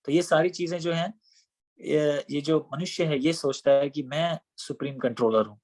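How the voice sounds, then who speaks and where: A man's voice: a little high, normal speed, darkish tone. A man giving a devotional scripture class in a conversational way, often asking rhetorical questions. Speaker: scripture teacher.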